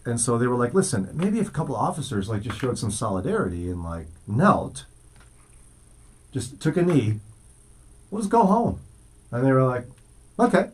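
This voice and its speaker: A man hosting a casual morning radio show, playful and quick to do mock news-anchor voices. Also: mid-range voice, big pitch swings. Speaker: radio host.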